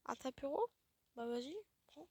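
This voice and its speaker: Woman, high-pitched, casual let's play host; chatty, self-mocking, mutters asides; close dry mic. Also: moderate pace, a little mellow, breathy edge, dry recording. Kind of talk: casual gaming commentary.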